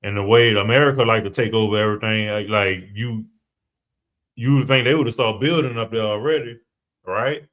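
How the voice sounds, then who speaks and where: A man co-hosting a podcast in casual chat, wry and skeptical, musing aloud with drawn-out pauses. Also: on the low side, fairly bright tone. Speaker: podcast co-host.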